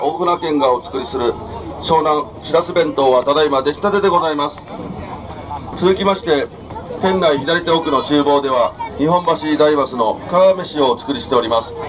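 A man's voice: on the high side, moderate pace. A man making a formal, polite announcement over a store's public address speaker. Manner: polite, honorific sales patter. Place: busy station food hall. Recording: distant PA with crowd chatter.

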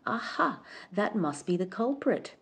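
A woman's voice: medium pitch, sing-song, measured pace, creaky, a bit bright, slightly rough, full character voice. A woman voicing an outraged middle-aged male farmer in a spoken storybook, exclaiming and suspicious. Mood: eager.

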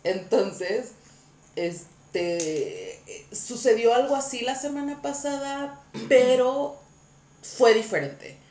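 A woman hosting a podcast, telling a story in a lively, casual way with frequent laughter. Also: a little high, takes it slowly, echoey room. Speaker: podcast host.

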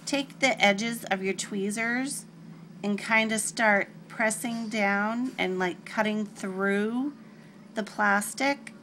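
A woman's voice: mid-range voice, takes it slowly, fairly bright tone, slight background noise. A woman hosting a casual nail art tutorial, talking through each step with chatty, rambling asides.

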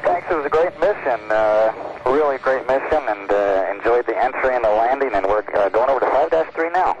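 A man's voice: mid-range voice, lively intonation, a little fast. A man speaking as a space shuttle commander in clipped exchanges over a spacecraft radio communicator. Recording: muffled, noisy air-to-ground radio link.

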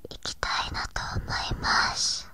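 Young woman, ASMR host. Breathy, airy whisper with crisp bright edge, unhurried and soothing, right at the ear. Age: young adult. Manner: gentle, slow, reassuring close-up murmuring. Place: small bedroom, lying on a bed. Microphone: binaural ear microphone, held right at the mouth.

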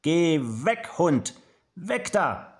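A man's voice: medium pitch, sing-song, a little slow. A man voicing a timid small boy in a children's storybook, speaking in a raised boyish voice. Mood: shouting. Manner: raised boyish voice, shy then shouting. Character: timid small boy who grows brave.

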